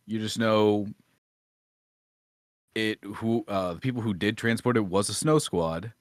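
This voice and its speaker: Game master, male, very low voice, rambling delivery with restarts, dry close sound. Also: no echo. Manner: rambling, thinks aloud with many restarts. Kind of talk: narrating a tabletop game.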